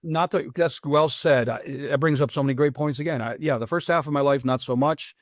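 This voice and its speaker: An older American man, a guest author, answering interview questions in an earnest, reflective and halting way. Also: a little high, no echo, studio quality. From United States.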